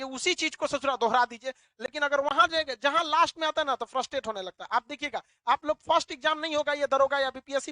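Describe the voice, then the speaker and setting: A male teacher lecturing a classroom, animated, asking the class questions and answering them himself. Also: very high voice, no room sound.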